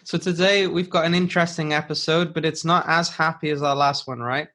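A man's voice: fairly high pitch, fairly even intonation, brisk, bright, forceful tone. Man explaining things as podcast teacher. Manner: clear, simple explanations with rephrasing for a learner. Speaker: podcast host and English teacher.

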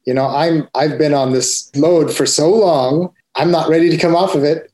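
A man's voice: a little high, fairly even intonation, moderate pace, mellow. A man co-hosting a podcast, talking in an easygoing, chatty way with a few restarts. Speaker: podcast co-host. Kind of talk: casual chat.

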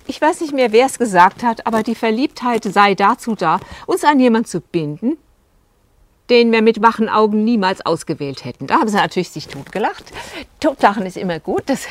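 A woman's voice: medium pitch, no room sound. A woman couples coach telling stories from her sessions in a casual, chatty way, acting out what her clients said, with fillers and asides. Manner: recounts client sessions, acting out quoted lines. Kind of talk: storytelling talk to video viewers.

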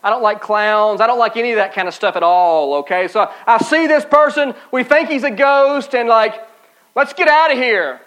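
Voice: medium pitch, fairly quick, few pauses, a bit bright, rough recording. A pastor preaching a sermon in a casual, conversational way, with frequent restarts and asides and quoted doubts acted out.

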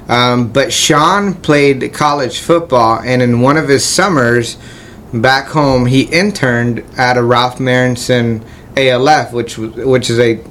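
A man who was born in Colombia and raised in Florida, a nonprofit CEO answering interview questions in a relaxed, friendly way with frequent fillers. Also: medium pitch, slight background noise.

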